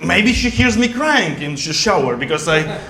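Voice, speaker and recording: A middle-aged man from Russia with a Russian accent, performing stand-up comedy in broken English with deadpan delivery. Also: high voice, a little hiss or hum. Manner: deadpan jokes in broken English, pausing for laughs. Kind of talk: stand-up set. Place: comedy club stage in Berlin. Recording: echoey club with loud audience.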